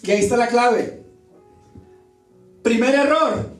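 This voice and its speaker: Brief: male pastor, high voice, lively storytelling sermon, far from the mic in an echoey church. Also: slow, soft background music. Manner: animated storytelling, acts out quoted voices. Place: church hall.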